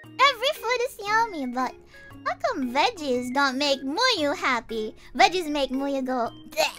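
Very high, cutesy anime streamer girl voice. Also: sing-song, unhurried, sharp tone, soft background music. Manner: cute anime streamer, childlike, refers to herself in third person; giggly, playful, sprinkles cutesy verbal tics. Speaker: virtual streamer introducing herself. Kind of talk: casual livestream chat.

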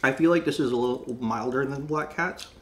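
A man's voice: mid-range voice, fairly quick. Playful, giggly man tasting snacks. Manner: playful, laughs often, jokey. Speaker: snack taste-test co-host. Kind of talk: casual chat.

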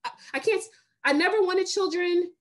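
A woman in her late forties, a guest on a video call, talking in an animated, emphatic way and laughing easily. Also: very high-pitched, normal speed. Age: 40s. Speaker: guest, brand founder. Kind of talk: casual video-call conversation. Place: home room.

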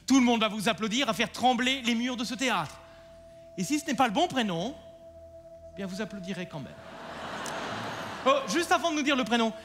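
On stage in a live theatre with long reverb, a mentalist theatrically coaxes and commands a volunteer. His voice sits high and sounds a bit bright.

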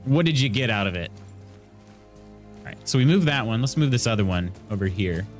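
A man in his thirties with a lowish, expressive voice and an Indiana Midwestern accent talks briskly over faint music. He's streaming from a small room at home, offering casual gameplay commentary and reading chat into a studio mic on an arm near his face.

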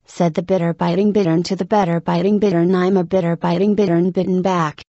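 A woman reading scripted tongue twisters aloud with careful, deliberate articulation. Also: fairly low pitch, flat delivery, dark tone, dry recording, lo-fi sound.

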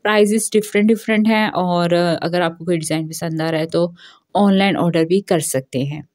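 Filming on her phone, a young woman strolls the aisles of an indoor shopping mall for a casual walk-through vlog, chatty and jokey with frequent laughs. She speaks at a moderate pace in a fairly low, fairly even, slightly mellow voice, with a little hiss or hum in the audio.

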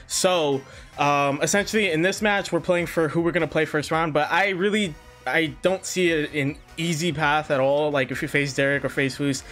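A man's voice: on the high side, fairly bright tone. Chatty young man hosting a gaming channel. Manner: chatty and scattered, many fillers. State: slightly out of breath. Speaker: YouTube gaming channel host. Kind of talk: casual gameplay commentary.

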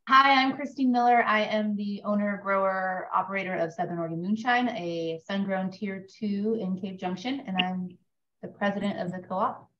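A woman's voice: mid-range voice, fairly even intonation, moderate pace. Woman heard distant and muffled. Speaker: co-op president, farm owner. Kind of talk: casual online meeting. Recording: distant, muffled call audio.

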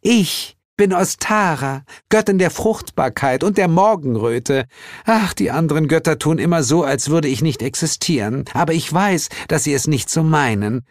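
A bubbly, motherly spring goddess speaks with a soft, velvety sweetness, as a man puts her on. Her voice is lifted well above a man's normal pitch. The sound is dry and close. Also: moderate pace, no echo, close to an everyday voice. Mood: sweet cheerful. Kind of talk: audiobook character voice.

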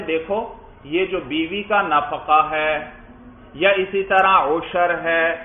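Man lecturing, asking and answering himself. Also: sits high. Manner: asks students questions and answers them himself; repeats key terms, calls listeners brother. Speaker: teacher of Islamic law. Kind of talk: classroom lecture. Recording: echoey, tinny phone-like recording.

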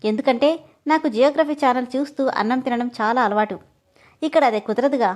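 A woman's voice: on the high side, fairly quick, a little mellow, natural voice. A woman voicing a playful young man who mocks and teases in a storybook reading. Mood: teasing. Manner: mocking and playful. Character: teasing, joking young man.

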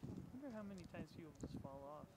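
A man's voice: on the high side, very animated, rapid-fire. A man skiing with a friend, hesitant and complaining that he can't see where he's going. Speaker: friend skiing with the camera operator. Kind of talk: casual chat. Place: outdoor ski slope and chairlift in a snowstorm. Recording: distant voice under loud wind noise outdoors.

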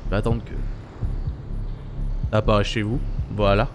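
A man's voice: on the low side, level tone, normal speed. A young man giving casual live gameplay commentary as a streamer. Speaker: game streamer. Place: indoors at a gaming setup. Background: faint game music.

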